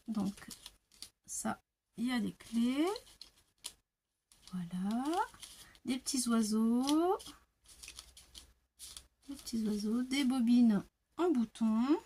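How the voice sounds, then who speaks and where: An older woman at home doing a crafting unboxing, gushing over each item and often dropping to soft whispers. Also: fairly high pitch, gravelly, slightly rough. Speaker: crafting vlogger. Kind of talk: unboxing show-and-tell. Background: paper crinkling and handling clicks.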